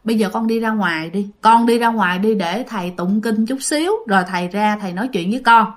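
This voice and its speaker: A kindly old spirit master coaxes softly and soothingly, as a woman quotes him in a ghost story. He speaks calmly and kindly. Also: mid-range voice, fast talker, lightly acted. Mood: coaxing. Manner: gentle, soothing, coaxing.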